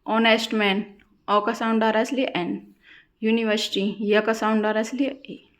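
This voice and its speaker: A woman teaching an English grammar lesson for exam students, asking questions and answering them herself, repeating key words slowly. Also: a little high, flat delivery. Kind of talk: classroom-style lesson explaining grammar.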